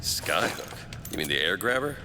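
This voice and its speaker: An actor playing a gruff, irritable working-class man in a video game, grumbling his lines. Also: low-pitched, sing-song, unhurried. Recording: noisy game audio.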